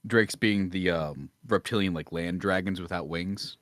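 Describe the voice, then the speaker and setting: Game master, male, very low voice, rambling delivery with restarts, dry close sound. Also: measured pace, fairly bright tone, no room sound. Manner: rambling, thinks aloud with many restarts. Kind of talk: narrating a tabletop game.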